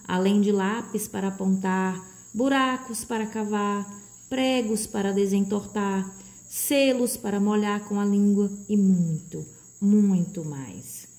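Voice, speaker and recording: A woman voicing a sly faceless man who coaxes in a soft, wheedling near-whisper, drawn out slowly. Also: high-pitched. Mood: coaxing. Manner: slow, honeyed persuasion.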